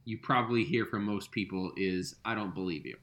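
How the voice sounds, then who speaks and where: A man's voice: on the low side, fairly quick, a bit bright. A man interviewing a guest, hesitating and repeating words before he gets his questions out. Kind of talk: casual interview.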